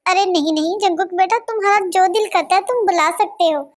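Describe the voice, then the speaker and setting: A high-voiced performer dubbing a kind, fussing middle-aged village aunt. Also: fairly quick. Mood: doting. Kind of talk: Hindi fan dub.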